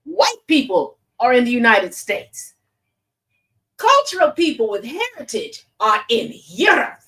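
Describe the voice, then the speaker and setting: A woman talking through the day's news as a casual commentary host. Her voice sits high and swoops up and down as she drawls her words unhurriedly. She is sassy and laughs often. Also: big pitch swings, unhurried, sharp tone.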